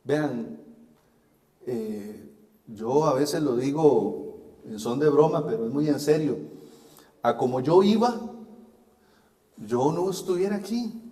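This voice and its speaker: Folksy Costa Rican preacher in echoey hall. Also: male voice, a little high, warm tone. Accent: Costa Rican Spanish. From Costa Rica. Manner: folksy storyteller, laughs at himself. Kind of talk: sermon with personal testimony. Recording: echoey hall with long reverb.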